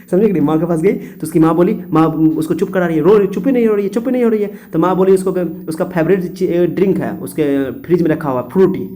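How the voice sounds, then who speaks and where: A man's voice: sits high, fast, few pauses, warm tone. A young man teaching students a memory trick in a chatty way, acting out little voices in his story.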